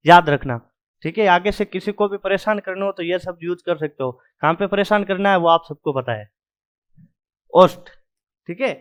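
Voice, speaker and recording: Male grammar teacher, fairly high voice, chalk-and-board lecture, drills the sounds aloud, keeps checking in students. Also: clear, resonant tone. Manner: drills sounds aloud, repeats "ठीक है" often. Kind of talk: classroom lecture at a whiteboard.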